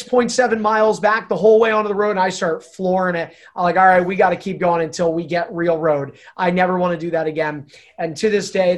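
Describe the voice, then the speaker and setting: Young male podcast co-host, casual, emphatic storyteller. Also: high-pitched.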